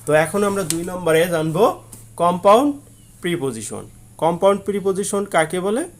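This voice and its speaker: A man teaching an English grammar lesson with a Bangladeshi accent, who explains slowly, reads example sentences word by word and answers his own questions, clearing his throat often. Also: sits high, lively intonation, slight background noise. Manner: frequent throat clearing and "ah" fillers.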